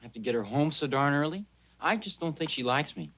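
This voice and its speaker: A man's voice: on the high side, animated, fast talker, a bit bright. An actor playing an earnest, polite young college man in a 1950s sitcom, easily flustered by his family. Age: young adult. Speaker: son. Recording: dull lo-fi 1950s TV soundtrack.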